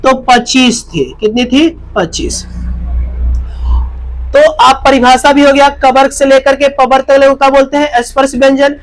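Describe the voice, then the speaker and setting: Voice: sits high, little pitch movement, moderate pace, poor audio. A teacher gives an exam-focused grammar lesson beside a teaching board, asking questions and answering them while repeating key terms.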